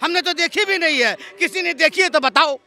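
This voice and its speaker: A man's voice: very high-pitched, fairly quick, gravelly, sharp tone. A man arguing heatedly as a street interviewee, insisting on being heard and repeating his points. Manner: insistent, repeats himself, talks over others.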